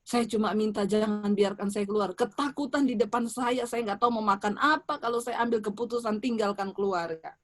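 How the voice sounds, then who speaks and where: A woman's voice: mid-range voice, fairly quick. A woman evangelist preaching a sermon at a church service, telling a personal testimony and addressing the congregation directly. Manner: addresses the congregation as "saudara", vivid storytelling.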